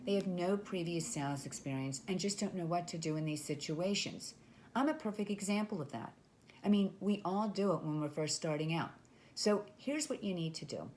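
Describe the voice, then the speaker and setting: A woman's voice: lowish voice, darkish tone, a little hiss or hum. A woman coaching network marketers in a confident, emphatic way, acting out sample sales lines. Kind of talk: instructional talk to camera.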